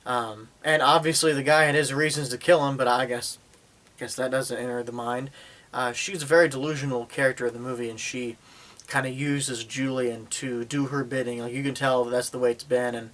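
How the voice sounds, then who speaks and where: A man reviews a film in a loose, chatty way, walking through the plot with frequent hesitations and fillers. His voice is bright and forceful, sitting at an ordinary middle pitch. He drops sarcastic asides along the way. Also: steady tone, a little fast. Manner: rambling retelling with many fillers and sarcastic asides. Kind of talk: casual spoken movie review.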